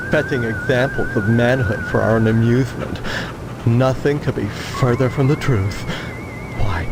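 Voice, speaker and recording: A man's voice: mid-range voice, noisy background. An actor voicing a flamboyant, prissy, pompous fireman in a video game, with an arch, emphatic delivery. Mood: defensive, fussy. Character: flamboyant prissy fireman who loves sketching nude men. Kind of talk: theatrical video game character acting.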